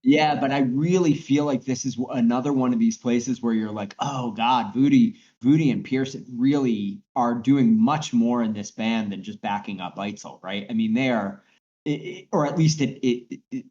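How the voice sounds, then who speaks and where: A man's voice: mid-range voice, dark tone, lo-fi sound. A man co-hosting a podcast, chatting casually about music with frequent restarts and repeated words. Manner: hesitant, repeats words while thinking. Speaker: podcast co-host.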